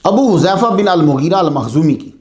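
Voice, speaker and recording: A male religious teacher with a fairly high voice that swings up and down a lot as he lectures his students. He poses rhetorical questions, answers them himself, and repeats key terms to drive them home. The room around him sounds echoey. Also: lively intonation, a little fast, darkish tone.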